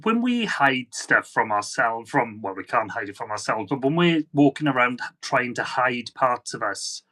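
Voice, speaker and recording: A man hosting a spiritual conversation over a video call, warmly affirming his guest. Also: mid-range voice, big pitch swings, normal speed. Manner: warmly affirming, often agrees. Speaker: host.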